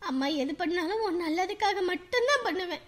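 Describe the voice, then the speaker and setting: A woman's voice: very high-pitched, lively intonation, a little fast. A woman playing a tearful mother seeing off her daughter in a TV serial, pleading with her. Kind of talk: TV serial acting.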